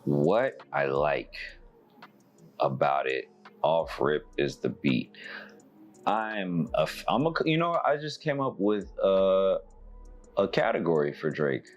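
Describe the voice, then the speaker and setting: Very deep-voiced man reviewing an album. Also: slow pace, pauses often, muffled recording, faint music behind. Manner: rambling, laughing, animated voices when quoting. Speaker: music reviewer.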